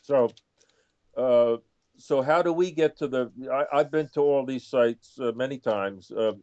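A man answers interview questions casually and haltingly. His voice is smooth and mid-pitched, unhurried, on a slightly muffled radio feed. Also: a little mellow, no room sound. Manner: halting, deliberate. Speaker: author guest on radio show. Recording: dull dry lo-fi feed.

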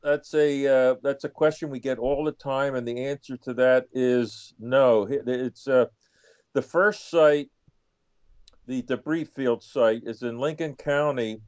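Slow, smooth-voiced male interview guest. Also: medium pitch, fairly even intonation, darkish tone, no echo. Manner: halting, deliberate. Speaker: author guest on radio show. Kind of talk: casual explanatory interview answers. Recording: dull dry lo-fi feed.

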